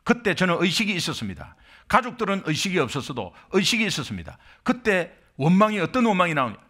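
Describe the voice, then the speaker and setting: A man's voice: high voice, big pitch swings, fast talker, bright, forceful tone. A middle-aged man from Korea, a pastor preaching an impassioned sermon full of rhetorical questions.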